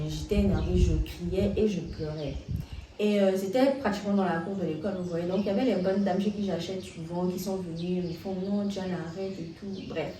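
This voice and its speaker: A young woman telling a story in a casual, animated way, full of slang and restarts, as a vlogger. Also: fairly low pitch, recorded from a distance, slight background noise. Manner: animated, excitable retelling with slang. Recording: roomy echo, set back from the mic.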